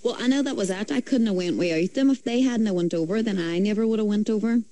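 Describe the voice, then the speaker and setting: A singer from Derry, Northern Ireland, chats casually as a guest in a radio studio, rambling with many fillers and restarts in her Derry accent. Her mid-range voice is quick and dark-toned, and the recording is dry.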